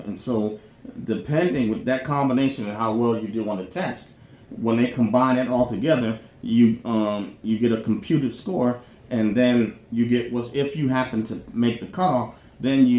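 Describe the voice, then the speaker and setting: With a medium-pitched, slightly mellow voice, a man hosts a podcast and explains military careers in an informal, off-the-cuff monologue. His style is rambling and colloquial, dotted with "you know what I'm saying," and the audio has roomy echo plus faint background noise.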